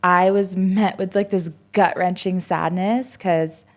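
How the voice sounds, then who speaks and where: A young woman in her twenties talks through a casual podcast interview, her voice a little lower than most. She rambles reflectively, looping back with fillers and restarts as she thinks aloud. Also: fairly even intonation, slow. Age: 20s. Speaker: podcast guest.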